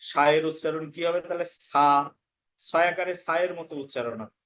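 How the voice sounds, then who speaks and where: A man's voice: fairly high pitch, fast. A man teaching a scripture class, patiently repeating words to demonstrate correct pronunciation. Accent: Bengali. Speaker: Gita course teacher. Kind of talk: pronunciation lesson.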